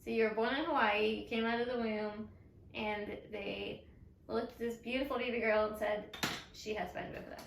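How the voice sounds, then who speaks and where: A woman's voice: on the high side, steady tone, moderate pace, vocal fry, reverberant, recorded from a distance, background noise. A woman co-hosting a casual chat, playful and asking questions. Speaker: co-host.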